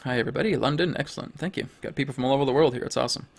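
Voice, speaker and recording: Hoarse man hosting a livestream. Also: medium pitch. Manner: friendly, quick, reads viewer names aloud. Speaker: livestream host. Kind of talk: casual livestream chat.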